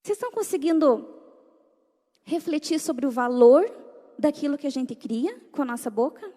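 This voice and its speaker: Woman giving a church talk, high voice, lots of questions to the crowd, big hall reverb. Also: normal speed. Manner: animated, rhetorical questions to the audience. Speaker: speaker at a church gathering.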